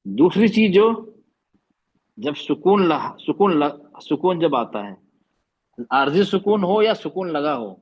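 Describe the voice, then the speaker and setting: A man's voice: a little high, big pitch swings, takes it slowly, long pauses, breathy edge, highs cut off. A man teaching Quran recitation over a video call, explaining patiently, repeating terms and demonstrating the sounds. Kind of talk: online class lesson.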